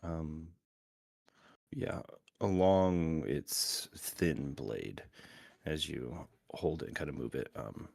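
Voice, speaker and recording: A man's voice: very deep voice, takes it slowly, vocal fry, darkish tone, no echo. A man acting as game master who describes scenes in detail with lots of hesitant fillers. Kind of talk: tabletop role-play narration.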